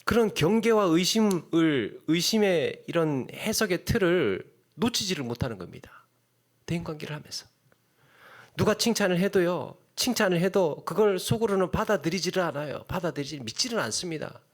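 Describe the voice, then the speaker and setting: Lively male pastor, conversational sermon. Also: sits high, moderate pace. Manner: conversational, repeats phrases, asks the congregation questions.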